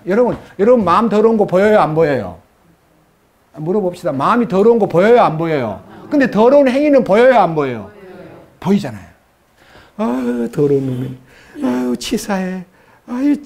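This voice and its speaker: A man's voice: a little high, a little mellow. A man preaching a church sermon. He reads long scripture passages aloud and puts questions straight to the congregation. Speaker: pastor.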